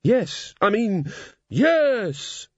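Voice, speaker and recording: A man's voice: high-pitched, sing-song, very slow, husky, no room sound, pitched above the performer's own voice, heavily acted. A man voicing an earnest, polite young woman who talks hesitantly and stammers. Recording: dull lo-fi recording.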